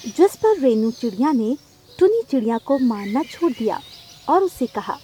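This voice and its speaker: A woman narrating a children's cartoon story in a steady storytelling way. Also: fairly high pitch, normal speed, a little hiss or hum.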